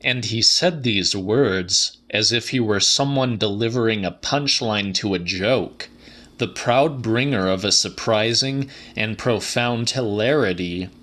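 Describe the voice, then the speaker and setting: An audiobook narrator gives a dramatic reading of literary fiction. His voice is low yet bright with a firm edge, and he moves through each phrase very slowly and deliberately.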